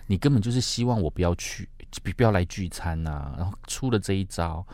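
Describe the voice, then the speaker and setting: A man's voice: low-pitched, lively intonation, brisk, mellow, no echo. A man co-hosting a podcast, telling a personal story in casual chat and acting out the quoted lines. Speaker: podcast co-host.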